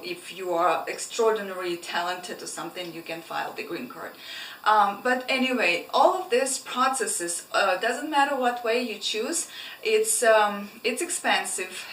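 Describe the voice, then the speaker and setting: A woman's voice: medium pitch, a bit bright. A young woman from Ukraine, chatting casually in a vlog with many fillers and restarts. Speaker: travel vlogger. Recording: roomy, slightly distant mic, faint room noise.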